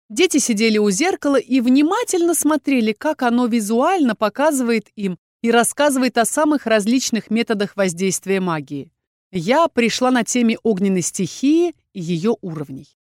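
A woman narrating a first-person fantasy audiobook in a lively, expressive way and giving the heroine a fiery, indignant edge. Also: fairly high pitch, no room sound, studio quality.

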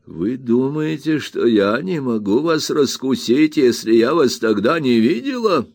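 A man reading aloud, voicing a stern and indignant elderly aunt who scolds in slow, emphatic phrases. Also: mid-range voice, very animated, gravelly, a little mellow, no room sound, exaggerated voice. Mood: indignant scolding.

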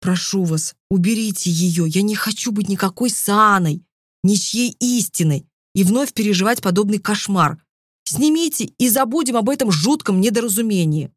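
A woman's voice: lively intonation, normal speed, no echo, studio quality, natural voice. A woman reading the lines of a frightened young heroine in an audiobook, her voice lifted in pleading and indignation. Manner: pleading and indignant, raised pitch.

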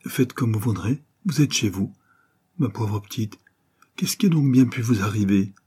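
Guy doing a fussy chatty old landlady voice, gushy, kinda husky underneath. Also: fairly low pitch, moderate pace, mellow. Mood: gushing. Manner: effusive, gushing, breathy whispered asides. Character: voluble kindly older woman, boarding-house landlady. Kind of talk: audiobook character voice.

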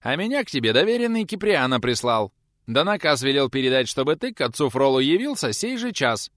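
A man voicing a brash, self-important young church servant who shouts his orders. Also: mid-range voice, very animated, brisk, no echo, voice pushed up. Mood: shrill insistent.

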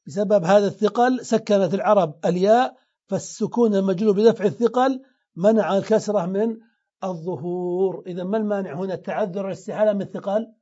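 A man's voice: high-pitched, fast, warm tone, lo-fi sound. A man teaching grammar in a classroom lesson, explaining step by step and answering his own questions.

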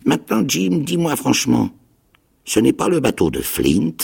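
An actor playing a ragged, half-mad old marooned pirate with a raspy, creaking voice, pleading and eager in a dramatic radio reading of a novel. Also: male voice, normal speed, full character voice. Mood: excited. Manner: high, pleading, eager voice with excited leaps.

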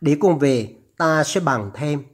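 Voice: medium pitch, expressive, takes it slowly, husky. A narrator voicing a startled young man who speaks hesitantly and uneasily. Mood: uneasy.

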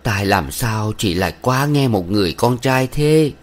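A preachy middle-aged village matron, as a male narrator puts her on, pitched a little above his low voice and a touch louder. She lectures in a sweetly stern, moralizing way. It is an audiobook reading of a novel. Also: lively intonation, moderate pace, natural voice. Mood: lecturing.

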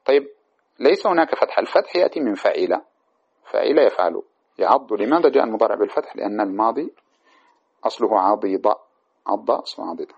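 Husky-voiced man giving a patient grammar lesson. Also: fairly low pitch, lively intonation, fast, pauses often. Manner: patient explainer with frequent check-in questions. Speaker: teacher. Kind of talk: lecture on classical grammar. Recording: dull lo-fi recording.

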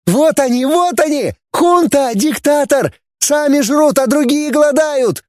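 A man reading an audiobook voices a shrill, hysterical young woman agitator who shrieks her slogans. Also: measured pace, no room sound, studio quality. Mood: shrieking fanatical. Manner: screeching, slogan-shouting.

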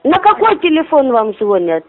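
A woman's voice: sits high, very animated, moderate pace, crowd noise. A woman answering a work phone, irritated and scolding callers. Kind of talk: phone conversation. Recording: tinny phone line.

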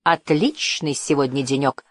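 A woman's voice: rumbling low, unhurried, no echo. A woman reading the lines of a sly, cheerful male merchant with a glib, mock-friendly manner.

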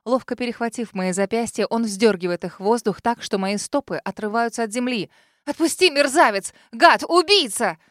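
A woman narrating a first-person fantasy audiobook in a dramatic, expressive way. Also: mid-range voice, brisk, few pauses, no room sound, clean studio sound.

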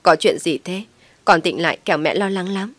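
A woman voicing a distraught middle-aged mother who pleads loudly through tears. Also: on the low side, a little fast, no echo. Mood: tearful pleading. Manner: tearful, loud and pleading.

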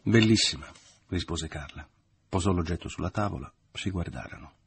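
A man narrating a novel in a measured literary reading. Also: low voice, gravelly, a little hiss or hum. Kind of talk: audiobook reading.

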